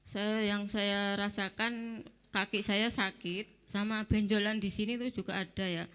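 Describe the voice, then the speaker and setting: A woman's voice: medium pitch, fairly even intonation, measured pace, a bit bright, smooth. A woman giving an emotional, plain-spoken testimony at a church service.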